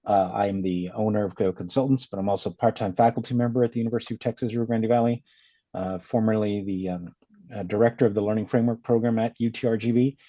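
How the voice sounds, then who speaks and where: Relaxed male moderator, warm low tone, muffled online call sound. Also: fast, no echo. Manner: friendly, filler-laden moderating. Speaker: webinar host, consultant. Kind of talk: hosting a webinar panel. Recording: dull lo-fi webinar audio.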